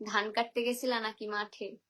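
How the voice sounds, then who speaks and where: Bright-voiced Bangladeshi woman livestreaming. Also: a little high, little pitch movement, normal speed. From Barisal region of Bangladesh. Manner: chatty, teasing replies to viewers. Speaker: live streamer. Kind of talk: reading viewer comments on a live video call.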